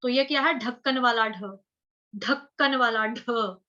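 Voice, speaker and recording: High bright woman teaching chant. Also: lo-fi sound. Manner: slow syllable-by-syllable chanting with repeated drills. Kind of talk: online recitation lesson. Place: online class over video call.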